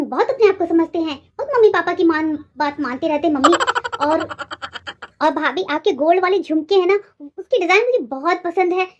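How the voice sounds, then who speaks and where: A woman playing a spoiled, demanding married daughter who whines loudly in a comedy skit. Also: very high-pitched, highs cut off, background noise. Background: background music.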